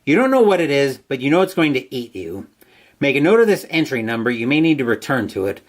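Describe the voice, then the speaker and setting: A man's voice: medium pitch, big pitch swings, fast. Man narrating a horror gamebook dramatically. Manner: dramatic narration, asides on dice rolls. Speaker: host playing a solo gamebook. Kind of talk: reading a solo horror gamebook aloud and rolling dice.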